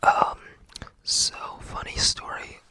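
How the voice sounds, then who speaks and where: An ASMR creator speaks entirely in a breathy, bright whisper. The delivery is slow and hesitant, a casual, self-effacing ramble that keeps pausing to search for the right word. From United States.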